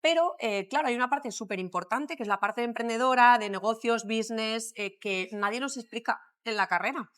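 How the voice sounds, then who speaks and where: A middle-aged woman from Madrid speaks with a Spanish accent and a fairly high voice. She is a surgeon in a podcast interview, and she thinks out loud with frequent pauses and fillers. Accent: Spanish from Spain. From Madrid, Spain. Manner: thoughtful, many pauses and fillers. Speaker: plastic surgeon guest.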